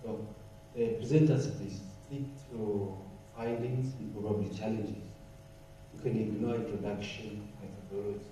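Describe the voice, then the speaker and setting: A man's voice: lowish voice, steady tone, normal speed, dark tone. A man chairing a conference session, thanking speakers and announcing the next presenters. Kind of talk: moderating a conference panel. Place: conference hall. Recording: echoey hall, mic far off, faint noise.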